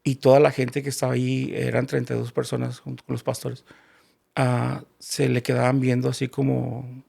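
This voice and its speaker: A man's voice: medium pitch, completely flat delivery, normal speed, creaky, darkish tone, breathy edge. A man, a guest in a casual interview, telling a personal story and acting out the dialogue.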